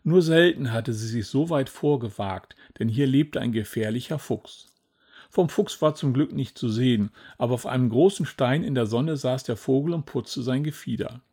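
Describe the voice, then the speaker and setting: Warm, husky storybook narrator. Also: male voice, medium pitch, normal speed.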